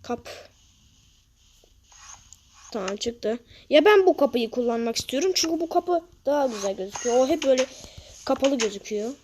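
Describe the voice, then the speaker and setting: Brief: a woman with a somewhat high voice, chatty gameplay commentator, faint hiss behind her. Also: lively intonation, normal speed, long pauses, a little mellow. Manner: muttering to herself, adding sound effects. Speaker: Minecraft video creator.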